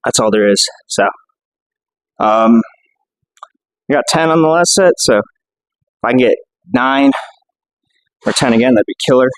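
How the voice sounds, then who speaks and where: A man's voice: medium pitch, lively intonation, unhurried, pauses often, dry recording, rough recording. Guy vlogging his chest workout, chatty and easygoing, kinda winded between sets, dry close sound. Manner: laid-back, chatty, lots of fillers. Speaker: fitness vlogger. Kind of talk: casual gym vlog. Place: gym.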